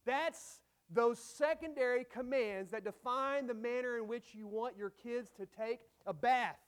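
A man preaching a sermon in an earnest way, with emphatic lines that fall away into soft phrase endings. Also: very high voice, unhurried, clear, resonant tone. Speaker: pastor.

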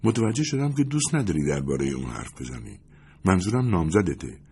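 A man's voice: low voice, sing-song, creaky, husky, full character voice. A man voicing a chatty, curious young woman in a storybook reading, earnest and prodding. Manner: earnest and prodding, softening to a whisper when sneaking.

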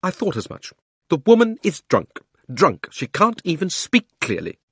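A man's voice: medium pitch, very animated, normal speed, fairly bright tone, no echo, studio quality, pitched above the performer's own voice. A man voicing a tough, prim old aunt in a storybook, firm and disapproving. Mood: icy indignation.

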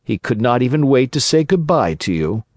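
A man's voice: mid-range voice, big pitch swings, moderate pace, darkish tone, dry recording, close to an everyday voice. A man voicing a sly, falsely polite male innkeeper. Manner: mock courteous.

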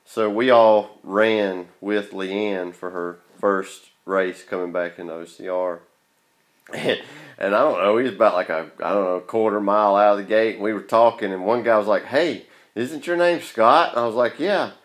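Man, Southern Georgia accent, folksy country drawl, low pitch, casual podcast host. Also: fairly even intonation, normal speed. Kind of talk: casual chat.

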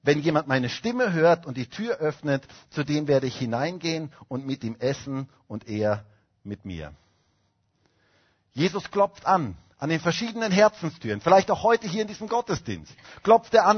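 A middle-aged pastor preaching at a baptism service, telling stories with fillers and emphatic declarations. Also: male voice, on the high side, very animated, normal speed, slightly rough, muffled recording. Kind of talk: baptism sermon. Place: church service.

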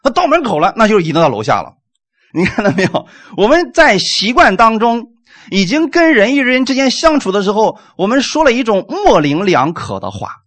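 A man preaching a sermon, animated and full of rhetorical questions, closing his points with "amen". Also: sits high, fairly quick.

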